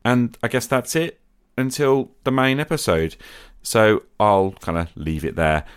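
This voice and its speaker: A man's voice: fairly low pitch, measured pace, smooth, no echo, studio quality. A man hosting a podcast in an informal, chatty, appreciative way, talking straight to his listeners and callers. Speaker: podcast host. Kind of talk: casual chatty podcast outro.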